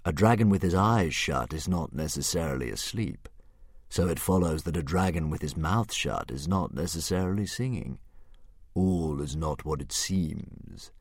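A man voicing a huge, malevolent male sea dragon who is sly and gloating, speaking in a slow, drawling, hissing way in an audiobook reading. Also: extremely low pitch, lively intonation, dry recording, studio quality, heavily acted. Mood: amused.

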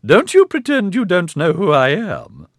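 A man performs a full character voice as a haughty, imperious old woman with a wavery voice, scolding indignantly for an audiobook. He pitches it above his own natural voice, so it sits high with wildly swooping pitch and an unhurried pace. The studio-quality recording has no echo.

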